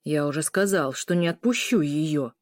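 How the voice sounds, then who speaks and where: A woman voicing a brooding, possessive male werewolf in an audiobook, low and insistent. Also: animated, moderate pace, no room sound, clean studio sound.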